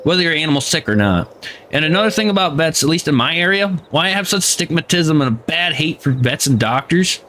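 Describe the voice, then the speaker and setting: A man's voice: fairly high pitch, animated, brisk, sharp tone, a little hiss or hum. A man streaming a game, ranting heatedly in casual chat and swearing freely. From United States.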